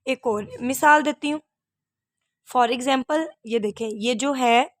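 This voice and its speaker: Patient woman teacher, slow and clear, a touch high, dry close sound. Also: dry recording. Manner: patient, explains and repeats hard words; addresses pupils as "beta". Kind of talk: recorded lesson for children.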